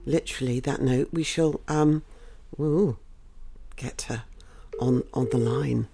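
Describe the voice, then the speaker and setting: A woman's voice: extremely low pitch, slow, creaky, warm tone, a little hiss or hum. A woman presenting a radio show, chatting effusively with a guest and laughing often. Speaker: radio host. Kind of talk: casual radio chat.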